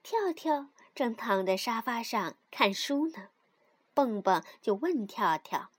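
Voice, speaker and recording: A woman narrating a children's story in an expressive, animated reading style. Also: a little high, slow pace, slightly rough.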